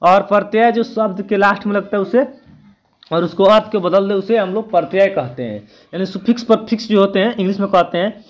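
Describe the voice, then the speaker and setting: High-voiced man teaching exam prep. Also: brisk. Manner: chatty, keeps adding "ठीक है" after points; thinks aloud, corrects himself mid-answer. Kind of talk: casual exam-prep lesson.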